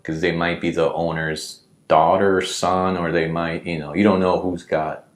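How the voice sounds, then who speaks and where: A man who works as a real estate agent, chatting casually on a podcast and telling animated anecdotes full of "like" and "um". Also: deep voice, moderate pace, roomy sound. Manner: animated anecdotes with filler likes and ums. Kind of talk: casual storytelling podcast chat.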